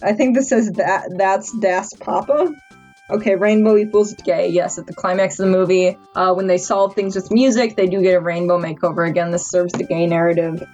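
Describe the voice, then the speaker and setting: A woman's voice: fairly low pitch, steady tone, brisk, hardly any pauses, a little mellow, highs cut off, faint music behind. A drunk woman giving a casual, rambling review from notes, stumbling over her words with mock-earnest seriousness. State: tipsy, drunk. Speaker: amateur movie reviewer.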